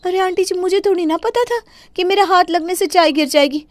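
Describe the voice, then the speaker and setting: A woman's voice: very high-pitched, a little fast, dry recording, voice pushed up. A woman voicing a defiant young daughter-in-law who talks back and mocks in a cartoon. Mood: mocking. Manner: mocking, talking back.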